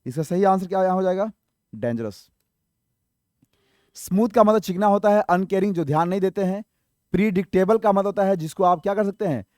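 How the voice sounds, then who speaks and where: High-pitched and warm, this man's voice moves fairly quickly with frequent pauses as he preps viewers for an exam with English vocabulary. He explains every word, spells some letter by letter, and answers his own questions to the audience, all in a dry, clean studio recording.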